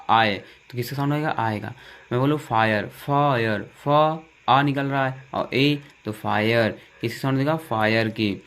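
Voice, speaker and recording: A man's voice: medium pitch, fairly bright tone. Man with a Hindi accent, drilling sounds. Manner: repetitive call-and-response drilling, asks and answers himself. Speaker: English teacher. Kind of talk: lesson on English vowel sounds.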